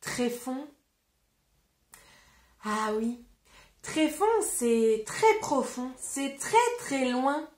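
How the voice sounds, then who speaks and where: Slow, lively French woman teacher. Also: high voice, roomy sound. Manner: encouraging, addresses child directly; slow, clearly articulated. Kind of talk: interactive read-aloud lesson for children.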